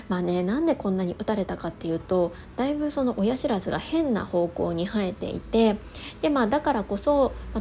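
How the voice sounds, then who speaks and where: Female host, soft mellow tone, casual and polite solo talk, faint ambient noise behind. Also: mid-range voice. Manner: polite, conversational, explanatory. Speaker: host of a daily morning radio-style show.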